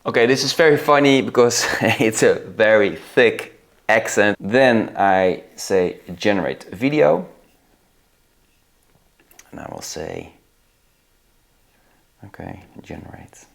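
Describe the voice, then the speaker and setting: A middle-aged man with a Dutch accent casually walking through software on screen, thinking aloud. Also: lowish voice, takes it slowly, vocal fry. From Netherlands. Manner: relaxed, thinking aloud, laughs at results. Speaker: video host. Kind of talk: casual screen-recording tutorial.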